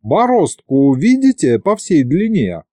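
A man's voice: fairly high pitch, wildly swooping pitch, a little slow, warm tone, no echo, pitched above the performer's own voice, exaggerated voice. A man playing an eager, bookish imp. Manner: eager, formal. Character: overly polite, bookish male imp.

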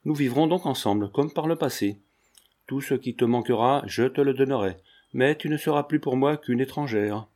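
A man's voice: mid-range voice, moderate pace, darkish tone, lightly acted. A man reading a stern old carpenter father. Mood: cold. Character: stern aging carpenter father, grim and proud.

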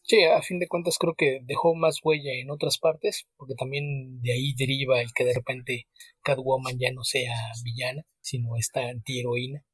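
A man co-hosting a podcast, his voice a little husky and mid-pitched. He chats quickly, with small stumbles and restarts. The recording is dry and close. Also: flat delivery, no room sound. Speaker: podcast co-host. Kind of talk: casual chat.

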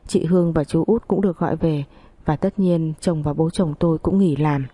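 A woman narrates a first-person story in a steady, melancholy reading voice. Her tone is low and mellow, recorded close and dry. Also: moderate pace, no echo.

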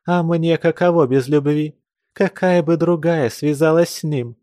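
A man's voice: a little high, a little slow, mellow, no room sound, studio quality, voice pushed up, lightly acted. A man voicing a passionate, distraught woman who pleads and cries out in anguish. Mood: bitter.

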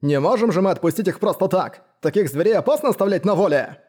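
Hoarse, bellowing burly steadholder from a fantasy audiobook, loud and raised, as the narrator puts him on. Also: male voice, high voice, expressive, fast, pitched above the performer's own voice. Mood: indignant. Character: hot-tempered burly male steadholder bellowing orders.

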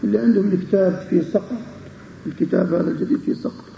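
Gravelly-voiced lecturer in an echoey room. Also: male voice, high-pitched, very fast, a little hiss or hum. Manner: explains with repeated checking questions to students. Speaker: Islamic scholar teaching a text. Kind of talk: classroom lecture on a legal text. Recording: dull lo-fi recording in an echoey room.

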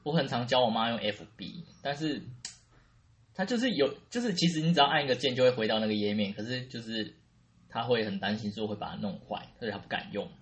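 A man's voice: medium pitch, lively intonation, fast. A man co-hosting a casual chat, cutting in with jokes. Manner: joking interjections. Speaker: podcast co-host.

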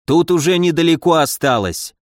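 A man's voice: on the high side, lively intonation, moderate pace, no room sound, clean studio sound, lightly acted. A man voicing a grumpy, stubborn old man who grumbles and snaps at people. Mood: grumbling. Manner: grumbling, snapping.

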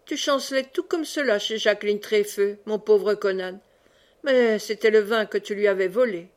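A woman's voice: mid-range voice, normal speed, natural voice. A woman reading the part of a merry, chatty old friar who brawls and banters, in an audiobook. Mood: jovial. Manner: merry, rambling, teasing.

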